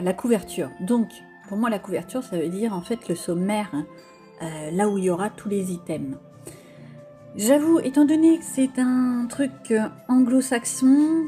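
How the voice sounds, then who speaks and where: A woman's voice: medium pitch, mellow. A French-accented woman chatting casually through a crafting tutorial, self-deprecating and full of fillers. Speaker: crafting vlogger.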